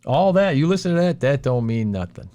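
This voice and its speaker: A man's voice: medium pitch, big pitch swings, brisk, mellow. A man co-hosting a casual chat, blunt and skeptical, scoffing in disbelief. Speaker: podcast co-host.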